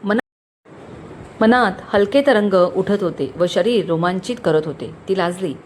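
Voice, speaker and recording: A woman's voice: medium pitch, unhurried, a little hiss or hum. Woman storyteller reading a romantic tale. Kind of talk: scripted story narration.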